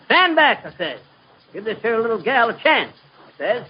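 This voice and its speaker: A man's voice: very high-pitched, very animated, normal speed, husky, lo-fi sound, exaggerated voice. An actor playing a boastful middle-aged man who rambles through tall tales in a folksy way, with slips of the tongue, in 1930s radio comedy style. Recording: scratchy noisy 1930s radio broadcast.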